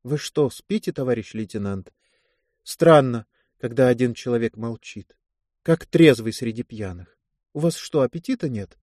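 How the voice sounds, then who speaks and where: A man voicing a self-assured woman army medic of about thirty who gently mocks the men around her. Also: medium pitch, animated, moderate pace, dry recording, studio quality, lightly acted. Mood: curious.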